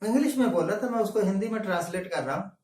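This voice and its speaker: A man speaking in a measured, explanatory way, often mixing in English words, as a vlogger giving a reflective talking-head monologue. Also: high voice, lively intonation, a little mellow. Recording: echoey room, mic at a distance.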